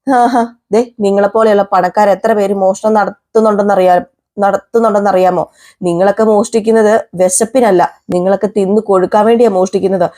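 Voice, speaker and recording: A woman's voice: medium pitch, steady tone, a little fast, warm tone, lightly acted. A woman voicing Sachi, a proud young working-class driver, who speaks in an indignant, defiant manner while retelling a serial scene.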